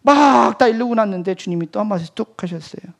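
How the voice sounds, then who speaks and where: Man, pastor, high voice, sermon testimony, dramatic storytelling, loud then whispering. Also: fast, gravelly. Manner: animated storytelling that swings between loud outbursts and hushed whispers. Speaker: pastor and missionary. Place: church evening service.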